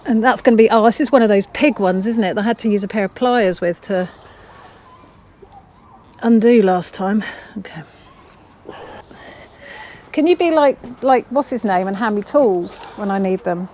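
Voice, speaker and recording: A woman's voice: medium pitch, normal speed, long pauses, darkish tone. A woman vlogging as she works on her motorbike in a home garage, chatty and self-mocking, reading instructions aloud. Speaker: motovlogger. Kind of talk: casual chat while working on a motorbike.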